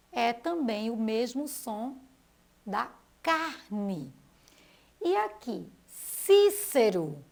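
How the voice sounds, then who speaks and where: A woman teacher with a Brazilian Portuguese accent giving a school TV lesson for young children, slowly stretching out names and syllables. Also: a little high, gravelly.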